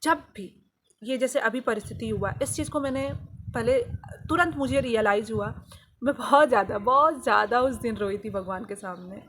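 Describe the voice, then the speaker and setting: A woman's voice: a little high, moderate pace, a bit bright, a little hiss or hum. A woman vlogger telling a personal healing story in an earnest, confessional way, often repeating phrases for emphasis. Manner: spiritual, devotional.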